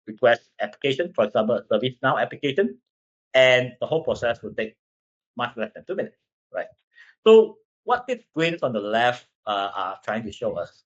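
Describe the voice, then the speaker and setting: A man with a Cantonese accent, a native Cantonese speaker, giving a slide presentation in halting English and often tagging sentences with a questioning check. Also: medium pitch, muffled recording. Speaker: company presenter.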